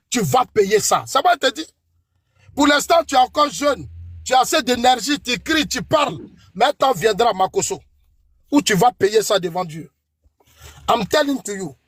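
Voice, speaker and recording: A man's voice: very high-pitched, lively intonation, moderate pace, a bit bright, husky, dry recording, clean studio sound. A man with an Ivorian French accent in a heated political debate, accusing his opponent by name and warning him before God. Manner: preachy warnings invoking God.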